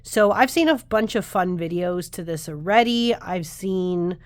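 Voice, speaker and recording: Getting over the flu, this thirty-something woman sounds a touch nasal as she talks casually to camera for her tarot vlog, wandering off and cutting herself short. She speaks fairly low and a little slowly, with animation. There's no room sound.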